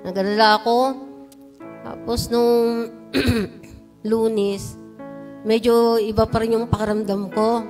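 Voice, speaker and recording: A woman's voice: on the high side, level tone, slow, pauses often, faint music behind. Woman giving a fervent church testimony. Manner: storytelling, rising to loud fervent praise. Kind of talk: personal testimony at a prayer meeting. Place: church sanctuary.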